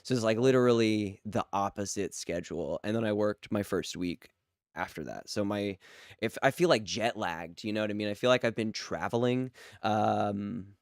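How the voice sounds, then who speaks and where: Low-pitched man hosting a casual podcast, slightly gravelly. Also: normal speed, no echo, studio quality. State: gravelly voice after a late night. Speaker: podcast host.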